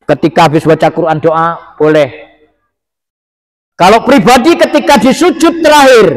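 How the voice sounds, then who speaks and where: A man giving a religious lecture, telling lively, humorous stories. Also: sits high. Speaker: preacher.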